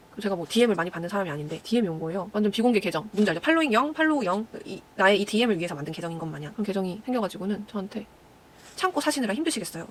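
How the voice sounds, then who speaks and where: Young woman vlogger talking super fast, chatty storyteller, does little voices for people, faint hiss behind. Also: medium pitch. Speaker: former announcer, vlogger. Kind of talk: casual chat to viewers while doing makeup.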